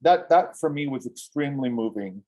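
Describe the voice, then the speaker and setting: A man from Cuba, a filmmaker answering interview questions in an earnest, halting way with many restarts. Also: mid-range voice, animated, darkish tone.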